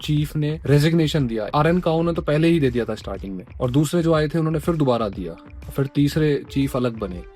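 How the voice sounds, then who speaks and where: A man's voice: fairly high pitch, lively intonation, brisk, darkish tone, faint music behind. Man telling a history story casually. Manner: conversational, explaining to the viewer. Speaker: host.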